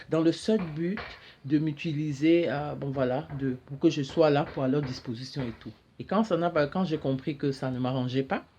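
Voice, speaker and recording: A Cameroonian talk show host whose first language is English delivers a solo monologue to camera in a deep, dark voice. She speaks haltingly, repeating words while searching for them. The recording is muffled with a little hiss or hum.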